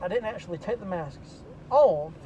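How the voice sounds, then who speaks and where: A man's voice: high-pitched, animated, normal speed, dark tone, muffled recording. A man talking through a stack of face masks, explaining step by step in a matter-of-fact casual vlog from inside a parked delivery vehicle. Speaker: delivery driver vlogger. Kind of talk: casual vlog talk to camera. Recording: noisy vehicle ambience.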